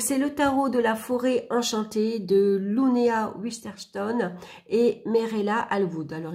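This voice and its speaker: A woman's voice: mid-range voice, darkish tone. A woman giving a casual show-and-tell of a tarot deck, chatty and full of little asides.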